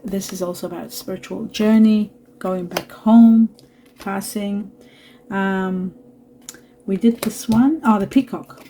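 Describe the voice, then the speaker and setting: Soft-spoken woman giving a tarot reading. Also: mid-range voice, slight background noise. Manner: soft, unhurried and reassuring, with fillers and asides. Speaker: tarot reader. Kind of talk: spiritual card reading to camera.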